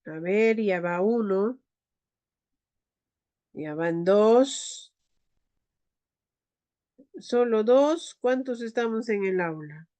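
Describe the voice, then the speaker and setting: A woman teaching an online class, leading slow pronunciation drills and calling on students. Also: mid-range voice, lively intonation, warm tone. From Peru. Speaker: Quechua teacher.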